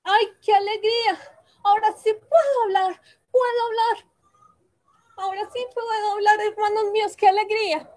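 A woman's voice: extremely high pitch, steady tone, moderate pace, voice pushed up. A woman voicing a grieving young princess who calls out for her lost brothers in pleading, tearful cries. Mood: joyful.

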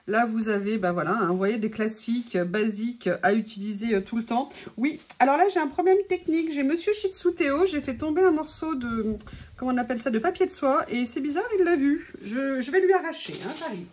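A French crafting vlogger chats casually through a haul of craft papers, her voice fairly high, expressive, and a touch fast with a darkish tone. She sounds enthusiastic and fills her talk with hesitations and fillers.

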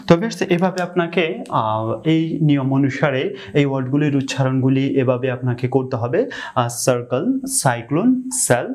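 A man with a Bangladeshi accent teaches English pronunciation to an online audience. He talks at a measured, mid-pitched level, often pausing with "ah" and saying example words two or three times, slowly and deliberately. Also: a little mellow. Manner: repetitive, fills pauses with "ah", repeats example words slowly. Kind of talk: explanatory online lesson.

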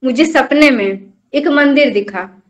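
A young woman with a high voice tells a long personal story in a conversational interview. She speaks earnestly, in a plain storytelling way. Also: a little slow. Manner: earnest, storytelling, addresses host as bhaiya. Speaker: guest devotee telling her experience.

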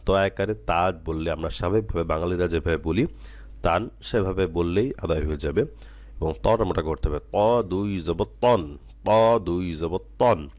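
A man, teaching Quran letter sounds. He drills each sound slowly and repeatedly, then explains at a brisker pace. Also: low-pitched. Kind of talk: slow drilled recitation lesson.

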